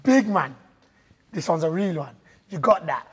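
A man in his thirties with a London accent, hosting a quiz with lively, slangy banter. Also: a little high, unhurried, very noisy. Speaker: quiz host. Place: industrial indoor studio with metal walls, seated apart from contestants.

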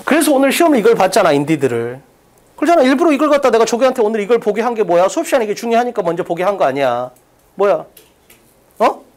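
A woman's voice: medium pitch, sing-song, fast, a little mellow. A woman teaching an English exam-prep class live in a classroom, firing off rhetorical questions and bluntly pushing her students. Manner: blunt, teasing, occasionally crude. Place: classroom with blackboard.

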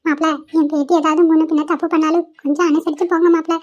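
A woman's voice: sits high, little pitch movement, fast, a little mellow, dull audio, lightly acted. A woman voicing a fussy, scolding old grandmother in a cartoon, pleading and nagging. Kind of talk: Tamil cartoon voice acting.

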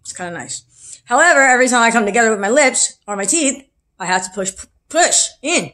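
Woman, forties, new dentures, fingers at mouth, frank and rambling, brisk talker. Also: fairly high pitch, lively intonation, pushed and bright. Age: 40s. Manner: frank, rambling, self-deprecating. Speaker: vlogger. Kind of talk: casual video diary.

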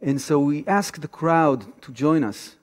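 A halting Israeli man from Tel Aviv, invited as an activist guest lecturer, shares personal stories in an informal public lecture. His voice is a bit high and expressive, and it reverberates through the large theater auditorium where he stands on stage.

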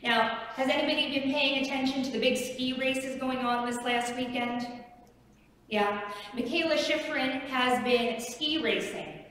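A middle-aged woman pastor giving an animated sermon, telling a story and putting questions to the congregation. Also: high voice, slight background noise. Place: large church sanctuary, in front of the altar. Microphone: far camera at the back of the church. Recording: echoey church hall from far off.

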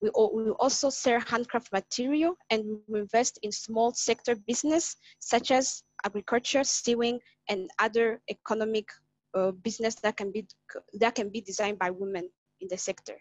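Woman from rwanda pitching over a video call, a bit high voiced, dry sound, lots of restarts. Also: fairly even intonation, no echo, low-quality recording. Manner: halting, frequent restarts. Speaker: pitch presenter. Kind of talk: project pitch and Q&A answers.

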